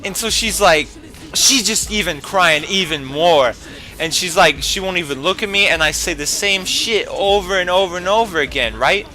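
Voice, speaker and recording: A young man telling a casual storytime with lots of swearing and filler words, animated throughout. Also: sits high, normal speed, faint music behind. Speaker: vlogger.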